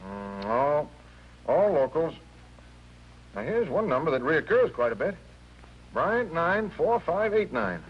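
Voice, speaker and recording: A wry hotel clerk. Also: male voice, a little high, sing-song, slow pace, pauses often, slightly rough, full character voice. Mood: matter-of-fact. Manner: wry, matter-of-fact. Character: brisk, cynical male hotel clerk. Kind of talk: 1950s TV drama acting. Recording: dull lo-fi 1950s TV soundtrack with faint hum.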